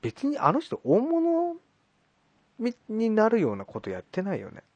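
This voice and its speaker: A man's voice: high-pitched, huge pitch swings, moderate pace, darkish tone, no room sound. A man co-hosting a casual radio talk show, blunt and teasing in his opinions. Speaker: podcast co-host. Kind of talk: casual chat.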